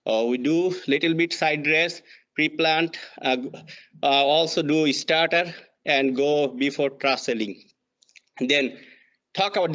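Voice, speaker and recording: A man's voice: medium pitch, fairly bright tone, highs cut off. A man in his thirties from Bangladesh with a Bangladeshi accent, giving an extension talk on crop management over slides, with frequent fillers and restarts. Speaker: extension soil fertility specialist.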